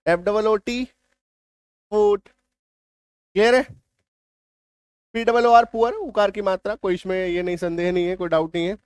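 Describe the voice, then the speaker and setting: A man teaches a spelling lesson. He repeats key points and asks his students whether each one is clear. His voice is recorded close and dry, with no room sound. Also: high voice, flat delivery, normal speed, a little mellow, no room sound. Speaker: English teacher.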